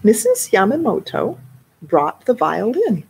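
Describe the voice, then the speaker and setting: Gravelly, husky woman reading a storybook. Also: mid-range voice, huge pitch swings, measured pace. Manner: warm storyteller, adds asides and explanations. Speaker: children's librarian. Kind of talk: reading a picture book aloud in a live story time.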